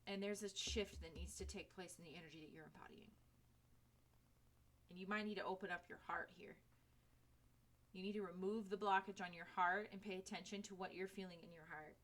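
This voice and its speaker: A woman's voice: lowish voice, fairly even intonation, fairly quick, a bit bright. A woman giving a casual tarot reading, speaking frankly to the viewer and swearing freely. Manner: chatty, talks to viewer directly. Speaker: tarot reader.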